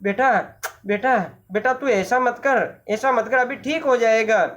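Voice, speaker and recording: A teacher voicing a gentle mother who fusses over her sick young son, coaxing and soothing. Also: mid-range voice, measured pace, natural voice.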